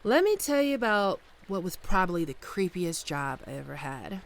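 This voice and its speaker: A voice actress plays an affectionate, wry bodyguard wife in an intimate ASMR roleplay, a one-sided dialogue that is soothing, playful and full of storytelling. Her voice sits on the low side with big pitch swings at a moderate pace, the mood wry and uneasy.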